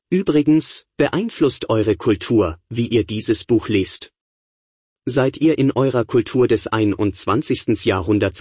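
A middle-aged professor from the Niagara Falls area of New York, USA, lectures college students conversationally, firing rhetorical questions at the class. His voice is on the low side, a little mellow and slightly rough, with no echo.

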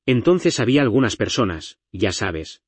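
A man's voice: on the low side, very animated, normal speed, husky, no echo. A man from the United States teaching a Bible lesson in an explanatory, conversational way with frequent asides. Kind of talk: lecture.

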